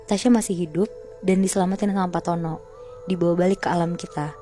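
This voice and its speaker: Casual storyteller: woman, low-ish mellow voice, slangy and chatty, faint music underneath. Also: fairly even intonation, fast talker. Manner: chatty, slangy, keeps addressing her listener. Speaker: horror story narrator.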